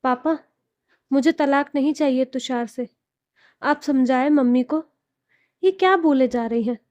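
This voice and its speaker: A spoiled young married daughter, as a woman reads her, pleading through tears. Her voice is high and slow with a mellow tone. This is a storybook reading. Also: dry recording. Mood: tearful. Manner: pleading, tearful.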